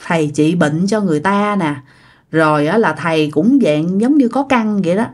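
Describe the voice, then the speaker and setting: Woman telling a ghost story, chatty, talks to listeners, voice bounces up and down a lot. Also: medium pitch. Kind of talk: casual spoken ghost story.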